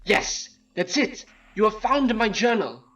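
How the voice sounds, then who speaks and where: Earnest, higher-voiced young research assistant. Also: male voice, animated, a little slow, a bit bright. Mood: earnest, urgent. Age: young adult. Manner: earnest, urgent, dramatic. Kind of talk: acted game character dialogue.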